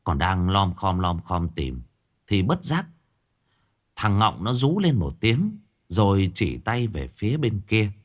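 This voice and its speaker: A man narrating a ghost story in a dramatic, expressive way. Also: lowish voice, slow pace.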